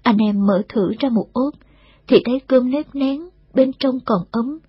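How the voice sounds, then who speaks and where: A woman reading a story aloud in a steady, unhurried storytelling manner. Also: fairly high pitch, breathy edge, no echo. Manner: steady, unhurried storytelling, voices every character. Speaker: narrator. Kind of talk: scripted story narration. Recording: dull, dry lo-fi recording.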